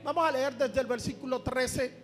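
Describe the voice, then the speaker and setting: A man's voice: extremely high pitch, steady tone, moderate pace, music in the background. A man preaching a sermon at a church retreat. He reads scripture aloud and calls out fervently for amens and praise.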